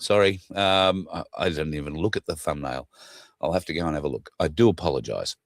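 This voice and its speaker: Casting: male livestream host, deep wheezy voice with a cough, self-deprecating casual chat, dry sound. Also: fairly quick, dry recording. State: chesty cough, getting over flu. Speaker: show host.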